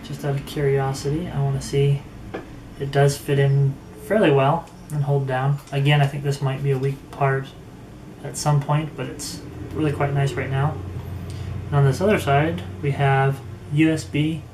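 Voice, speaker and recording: A man reviews some gear casually, figuring out what he thinks mid-sentence and pausing along the way without hurry. The voice is even and mid-range in pitch, set in a reverberant room with a bit of background noise.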